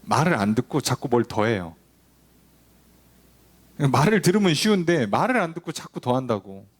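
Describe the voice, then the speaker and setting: In a sing-song, medium-pitched voice at a moderate pace, a male pastor guides a Bible study. He converses with the congregation, putting questions to them, and voices the quoted lines of God and people.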